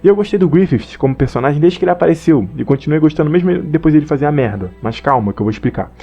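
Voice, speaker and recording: Fast-talking Brazilian young man. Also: on the high side, lively intonation, gravelly, warm tone, dull audio, faint music behind. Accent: Brazilian Portuguese. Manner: slangy, rambling, reads from notes. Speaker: anime commentator. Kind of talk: casual opinion monologue.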